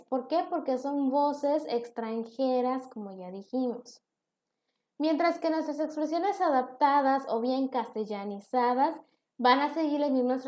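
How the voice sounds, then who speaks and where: A woman's voice: high-pitched, mellow, echoey room. A woman teaching a recorded online class, explaining patiently and posing questions she then answers herself.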